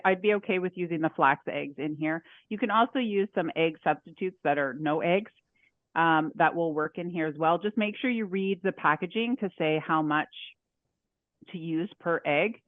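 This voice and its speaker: A woman home economist walks viewers through a recipe in a relaxed, chatty way, narrating each step as she goes. Her voice comes through thin and phone-like. The sound is dry, with no room around it. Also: deep voice, no echo. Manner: chatty, laughs often, talks through her steps. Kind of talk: cooking demonstration. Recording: dry tinny phone-like audio.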